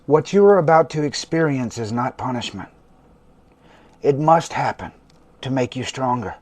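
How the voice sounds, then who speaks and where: A man hosting a livestream, talking slowly and soothingly as he guides a meditation and gives instructions. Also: mid-range voice, expressive, darkish tone. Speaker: host of a livestream. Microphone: phone or computer mic for a livestream.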